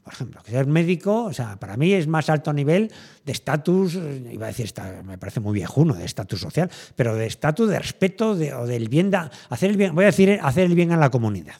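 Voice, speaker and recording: A man's voice: fairly high pitch, sing-song, quick pace, creaky, a little mellow, slightly rough. A middle-aged man from Spain chatting casually and thinking aloud, rambling with many fillers and restarts. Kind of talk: casual chat.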